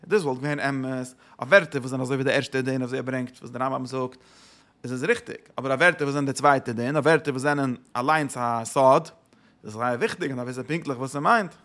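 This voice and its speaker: Gravelly man teaching. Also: medium pitch, fairly even intonation, a little fast, a bit bright. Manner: searching for words, restarting phrases. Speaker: religious teacher. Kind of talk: explaining religious texts.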